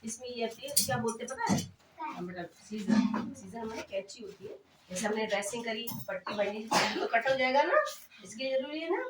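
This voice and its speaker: A woman's voice: on the high side, animated, brisk. A young woman health worker shows young children first aid supplies, asking them questions and explaining terms. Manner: asks the children questions and mixes English terms into her talk. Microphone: far camera. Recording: echoey room, voice from a distance, noisy.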